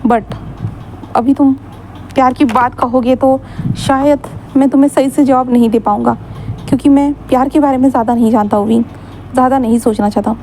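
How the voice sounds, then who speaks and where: A woman voicing a remorseful young man who pleads gently and softly. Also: sits high, steady tone, fairly quick, a little hiss or hum. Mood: pleading, gentle. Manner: soft, pleading.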